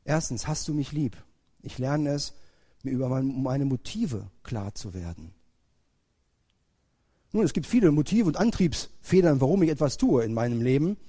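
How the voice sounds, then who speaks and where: A man preaching a sermon, first reading scripture slowly, then preaching with rising emphasis. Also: mid-range voice, big pitch swings, dark tone. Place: church. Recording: long reverb of a church hall.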